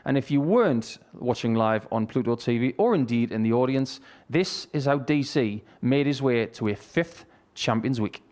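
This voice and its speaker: A man's voice: medium pitch, lively intonation, moderate pace, hardly any pauses, darkish tone. A man presenting live darts coverage and commentary.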